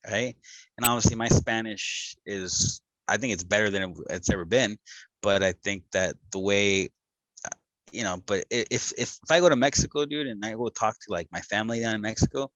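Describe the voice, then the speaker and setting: A man's voice: fairly low pitch, a bit bright, no room sound, poor audio. A man from Los Angeles co-hosting a podcast, telling a story in a rambling way with many fillers. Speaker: podcast co-host. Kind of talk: casual podcast chat.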